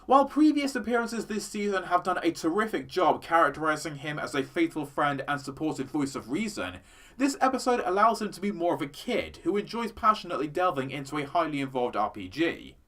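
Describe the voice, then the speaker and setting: A man's voice: a little high, very animated, brisk, a bit bright. A man reading a polished, evaluative episode review. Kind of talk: scripted review narration.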